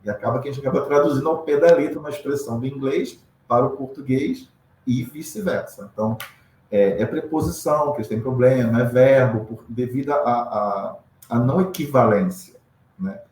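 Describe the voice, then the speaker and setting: A man's voice: medium pitch, a little fast, darkish tone. A man from Brazil, an English teacher, explaining in a casual interview, often acting out pronunciations and adding tag questions. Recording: roomy echo with faint background noise.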